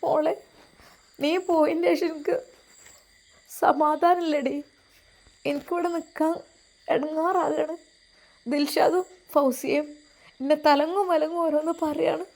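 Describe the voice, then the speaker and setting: A woman's voice: high voice, fairly even intonation, a little slow, pauses often, a little mellow, pitched above the performer's own voice. Woman doing a pleading, protective mother. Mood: soothing. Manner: pleading, soothing. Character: tearful, protective middle-aged mother.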